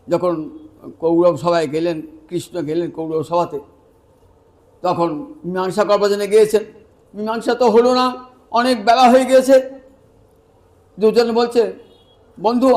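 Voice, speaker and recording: A man's voice: high-pitched, a little slow, pauses often. A man giving a devotional sermon as a storyteller, acting out the lines of the people in the tale. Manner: animated, acts out the dialogue of the tale. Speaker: preacher.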